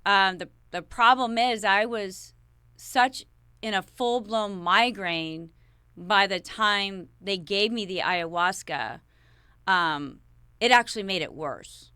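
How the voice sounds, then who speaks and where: A middle-aged woman tells her story as a podcast guest, circling back and restarting her words as she goes. Her voice is bright and crisp, recorded dry and close. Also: mid-range voice, slow pace, no room sound. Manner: rambling, repeats and restarts words. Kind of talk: personal interview storytelling.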